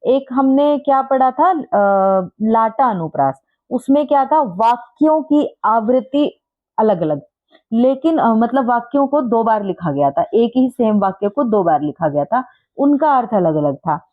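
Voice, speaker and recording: A woman's voice: on the high side, expressive. Woman teaching over tinny phone-like audio. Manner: explains patiently, reads verses slowly, checks understanding. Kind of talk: casual exam-prep lesson.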